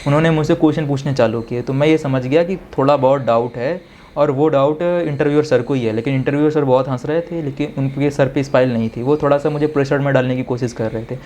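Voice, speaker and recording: A man's voice: medium pitch, quick pace. A young man in an interview, casually recounting his own experience and switching between Hindi and English while often calling the listener "sir". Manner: animated retelling that mixes Hindi with English phrases; keeps addressing the listener as "sir". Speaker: interviewee, successful defence exam candidate.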